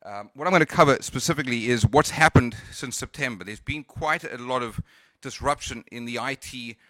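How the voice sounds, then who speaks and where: A man originally from South Africa, speaking with a mixed Cape Town and Californian accent, presents at a conference. His voice is medium in pitch, a bit bright and fairly quick, broken up by many fillers, hesitations and restarts. No room sound is audible.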